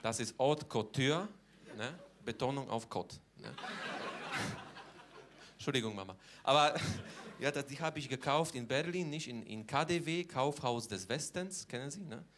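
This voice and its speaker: This comedian's stand-up character is a cheeky, bragging Polish man who speaks broken German in a Polish accent and tags nearly every line with a question. His medium-pitched voice is animated and fairly bright, at a moderate pace.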